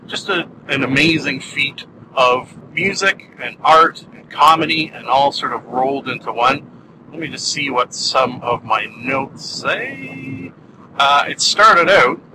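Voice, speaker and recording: A man's voice: mid-range voice, sharp tone, a little hiss or hum, low-quality recording. A man giving a casual spoken review, rambling and self-deprecating, with many fillers and restarts.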